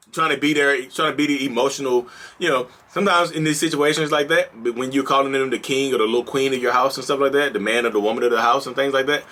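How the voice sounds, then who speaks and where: A man's voice: mid-range voice, sharp tone. A man in his thirties hosting a vlog, talking casually and building into passionate, repeated rhetorical questions. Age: 30s. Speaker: host.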